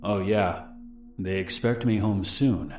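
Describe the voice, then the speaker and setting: A deep-voiced man reading as a wary young girl. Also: slow pace, a little mellow, roomy sound. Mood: guarded. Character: wary young girl hiking with her dog.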